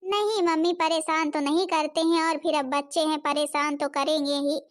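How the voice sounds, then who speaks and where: A woman's voice: high-pitched, steady tone, normal speed, natural voice. A woman voicing a stingy, bossy young stepmother who scolds and complains in a cartoon. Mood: scolding. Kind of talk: cartoon voice acting.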